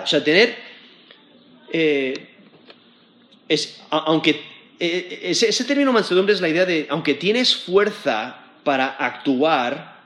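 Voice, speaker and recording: A man's voice: on the high side, reverberant. A man preaching a sermon, earnest and prone to repeating words and restarting as he explains. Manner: earnest, repeats words and restarts often, rises when animated.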